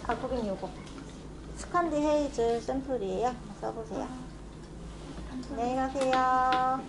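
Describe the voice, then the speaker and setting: A woman's voice: high-pitched, a little slow, noisy background. A young woman optician in a contact lens shop, speaking through a face mask as she patiently explains products to a customer. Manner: polite, patient and informative.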